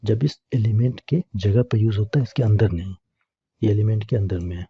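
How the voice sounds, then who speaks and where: Low husky man teaching grammar. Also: brisk, warm tone, dry recording, dull audio. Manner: repeats questions to students and answers them himself. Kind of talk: explaining a grammar lesson.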